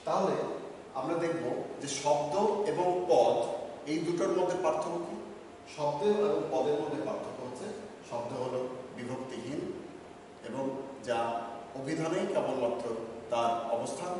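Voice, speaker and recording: A male teacher giving a slow, measured grammar lesson with pauses between words, recorded in an office room. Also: medium pitch, noisy background. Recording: echoey room from far off.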